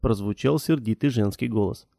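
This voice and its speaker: A man reading a first-person audiobook in a measured, matter-of-fact way. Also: on the low side, gravelly, dark tone, no echo, studio quality. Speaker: audiobook narrator.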